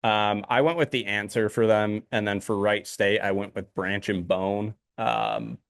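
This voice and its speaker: A man's voice: fairly low pitch, lively intonation, a little slow, a bit bright, no room sound, clean studio sound. Rambling man on a podcast. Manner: rambling, many ums and uhs. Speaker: podcast co-host. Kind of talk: casual chat.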